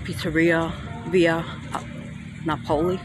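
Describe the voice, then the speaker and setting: A man's voice: fairly high pitch, level tone, slow pace. A man filming a casual walking tour of a shopping plaza on his phone, in a New York accent, thinking aloud as he goes. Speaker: vlogger. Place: outdoor shopping plaza sidewalk. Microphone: handheld phone camera. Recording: outdoor street noise on phone.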